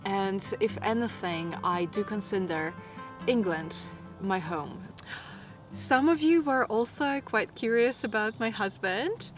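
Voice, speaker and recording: A thirty-year-old woman with a light Latvian accent speaks slowly and gently, as if confiding in a friend. Her voice sits in an ordinary middle register. Faint music plays under her voice, recorded outdoors by an old wooden fence. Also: medium pitch. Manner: soft, unhurried and reflective, with light laughs. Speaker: vlogger. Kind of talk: calm Q&A talking to camera.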